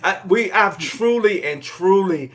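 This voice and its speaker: A man's voice: high-pitched, lively intonation, unhurried, fairly bright tone. Upbeat man hosting a live stream. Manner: upbeat, chatty, loose with fillers. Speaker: live show host.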